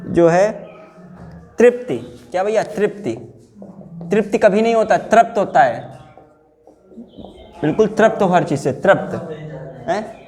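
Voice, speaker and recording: A man's voice: high voice, measured pace, long pauses, darkish tone. A man teaching a grammar class, repeating each word and putting questions to his students. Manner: drilling words, repeating answers, asking the class questions.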